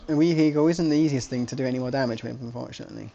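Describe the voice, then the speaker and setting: Guy casting a strategy game live, rambly and chatty, keeps restarting, middle pitch. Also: racing, gravelly, warm tone, lo-fi sound. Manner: rambling, self-correcting, chatty. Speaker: esports caster.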